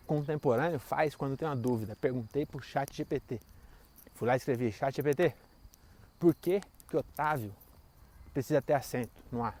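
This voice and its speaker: A man's voice: mid-range voice, a little mellow, slight background noise. A young Brazilian man talking to camera while walking outside, rambling and sarcastic, with faint background sound. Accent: Brazilian Portuguese. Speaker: vlogger. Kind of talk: walking vlog monologue. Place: outdoors, walking.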